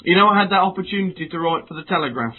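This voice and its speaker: A man plays it glum and deadpan in a comedy sketch, and his speech keeps tripping into stammers and restarts. His voice is notably high for a man. The recording is thin and phone-like. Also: racing. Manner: hesitant, stammering, mock-glum. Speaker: co-host. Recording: phone-like lo-fi sound.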